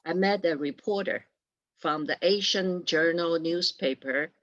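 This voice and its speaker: An older woman from China and Taiwan giving a formal keynote speech in a measured, deliberate way. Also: fairly low pitch, a bit bright, lo-fi sound. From born in China, raised in Taiwan. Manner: slow, measured delivery. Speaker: keynote speaker.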